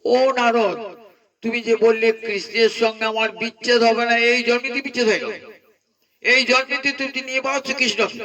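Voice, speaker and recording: Man doing a proud young queen, insistent, pleading, high-pitched, off-mic. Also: a little fast, pauses often, a bit bright, distant mic, rough recording.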